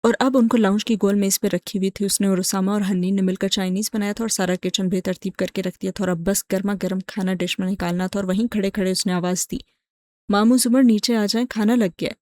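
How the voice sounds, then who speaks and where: A woman narrating a romantic novel as an audiobook in a steady storytelling voice. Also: mid-range voice, hardly any pauses, no room sound.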